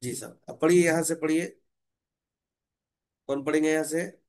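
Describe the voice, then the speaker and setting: A man's voice: a little high, steady tone, darkish tone. Patient male religious reading teacher. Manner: patient, corrects and models syllables slowly. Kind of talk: online reading class.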